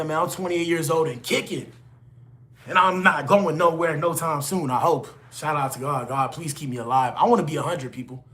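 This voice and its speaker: A man's voice: mid-range voice, fairly bright tone. A man in his late twenties hosting a casual live stream, reading out chat names and answering viewers in loose, laid-back slang. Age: 20s. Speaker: livestream host reading chat.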